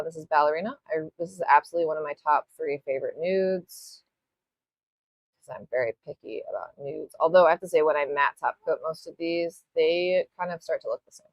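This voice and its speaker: A woman's voice: sits low, fairly quick, dry recording. A woman hosting a live nail art tutorial, chatting casually as she works, rambling, apologizing and swearing a little. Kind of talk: live-stream tutorial chat.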